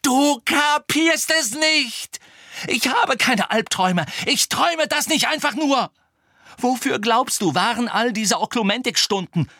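A man reading an audiobook and voicing an angry, desperate teenage boy wizard who shouts. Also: very high voice, lively intonation, unhurried, no echo, clean studio sound, pitched above the performer's own voice, full character voice. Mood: angry shouting. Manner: shouting, urgent. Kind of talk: audiobook character voice.

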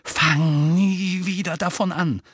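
A man's voice: on the high side, very animated, normal speed, fairly bright tone, husky, no echo, voice pushed up, exaggerated voice. A man doing a sarcastic teenage boy. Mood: threatening. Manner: dry mocking sarcasm.

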